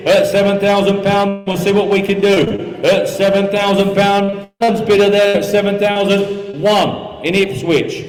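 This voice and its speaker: High-pitched auctioneer in echoey hall. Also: male voice, little pitch movement, normal speed, few pauses. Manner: repetitive chanting of bids and figures. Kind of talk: live auction calling. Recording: echoey hall sound with music behind.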